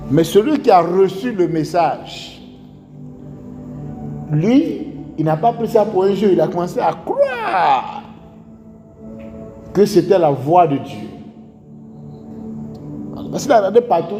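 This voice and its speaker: A man's voice: high-pitched, expressive, measured pace, pauses often, warm tone. A man with an Ivorian French accent preaching a sermon, telling stories and asking rhetorical questions. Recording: echoey hall with faint music.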